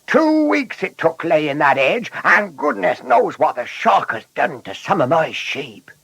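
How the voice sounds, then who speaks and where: A man voicing an angry middle-aged shepherd in a storybook, shouting and indignant. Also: fairly high pitch, very animated, measured pace, creaky, husky, dry recording, voice pushed up, full character voice.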